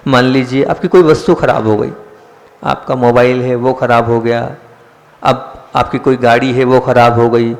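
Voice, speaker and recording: A man's voice: mid-range voice, steady tone, moderate pace. A man, a Jain monk, giving an earnest sermon, repeating key lines and asking his listeners rhetorical questions. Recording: long hall reverb.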